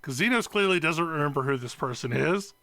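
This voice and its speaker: Rambling podcast host, dry mic. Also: male voice, fairly high pitch, fairly quick, no echo. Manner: relaxed, rambling with fillers. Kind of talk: casual podcast chat.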